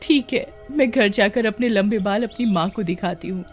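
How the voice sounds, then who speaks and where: A woman voicing an excitable young village girl in a cartoon, breathless and eager. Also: medium pitch, moderate pace, faint music behind, lightly acted. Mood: excited.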